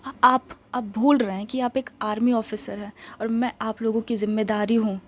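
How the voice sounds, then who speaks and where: A woman's voice: fairly high pitch, level tone, normal speed, a little hiss or hum, close to an everyday voice. A woman voicing a young woman stranded behind enemy lines in an ASMR role-play, grumbling to herself and pleading with stammers. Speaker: ASMR roleplay performer.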